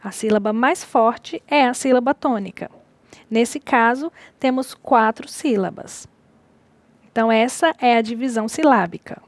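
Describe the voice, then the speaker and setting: Soft-spoken woman teaching a lecture. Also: a little high, no room sound. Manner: slow, explanatory, repeats key words. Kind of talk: recorded distance-learning lecture.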